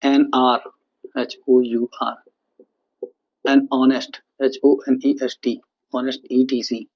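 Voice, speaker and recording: A man explains a grammar lesson at an unhurried pace, repeating each example and checking in often. His voice sits at an average pitch. The recording sounds muffled and lo-fi. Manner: slow, repetitive explaining with frequent checks. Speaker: teacher. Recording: dull lo-fi recording.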